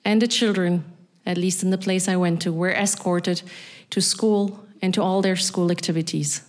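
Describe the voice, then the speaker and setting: A middle-aged woman from East Berlin with a German accent, speaking a deliberate spoken-word monologue addressed straight to the listener. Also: fairly low pitch, steady tone.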